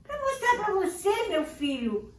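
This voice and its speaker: A woman's voice: very high-pitched, very animated, unhurried, pitched above the performer's own voice, heavily acted. A woman voicing a stern, blunt father who speaks in a firm, scolding way. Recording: echoey room, distant mic.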